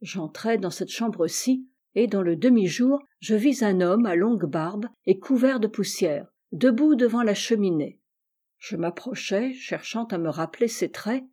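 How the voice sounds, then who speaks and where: A woman narrating a classic short story as an audiobook, in a measured, clear storytelling manner. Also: mid-range voice, animated, warm tone. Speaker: audiobook reader.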